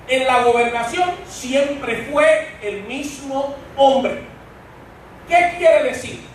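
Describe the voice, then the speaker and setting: A man preaching a sermon in a church, speaking emphatically and addressing the congregation directly. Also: very high-pitched. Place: church sanctuary. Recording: echoey church from far off, faint hiss.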